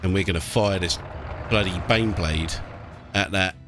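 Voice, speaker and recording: This deep-voiced British man hosts a let's play, chatting through the game at normal speed with blokey banter and plenty of swearing. The background is noisy, with game music filling his small, warm indoor room.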